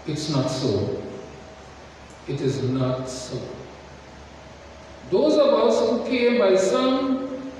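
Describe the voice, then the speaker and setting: A man preaching a sermon in a church, slow and deliberate, putting questions to the congregation. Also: high voice, sing-song, darkish tone, slight background noise. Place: large church hall. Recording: echoey church hall from far off.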